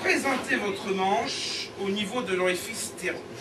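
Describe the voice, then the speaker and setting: A man playing a pompous, suggestive teleshopping pitchman in a parody infomercial, speaking in florid, mock-earnest phrases. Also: a little slow. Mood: suggestive instructing. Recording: noisy roomy far-off recording, loud laughing crowd. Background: loud audience noise and laughter.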